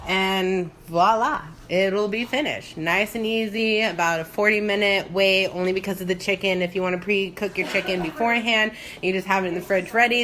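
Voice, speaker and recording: A woman with a mid-pitched voice talks through her cooking in a casual, loose way. She thinks aloud and drifts into playful asides. The phone recording is noisy, with dishes and pans clattering in a home kitchen. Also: fairly bright tone. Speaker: home cook hosting a cooking video.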